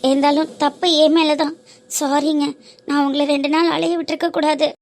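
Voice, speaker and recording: A woman's voice: high voice, little pitch movement, a little fast, darkish tone. A woman voicing a remorseful, apologetic young woman in a family cartoon. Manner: pleading, self-blaming. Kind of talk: cartoon dub acting.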